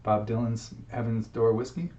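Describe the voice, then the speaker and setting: A musician speaking to camera in a personal tribute, reflective and heartfelt, pausing often with fillers, recorded on a webcam microphone. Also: male voice, medium pitch, level tone, dark tone, a little hiss or hum. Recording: roomy, distant, dull webcam sound.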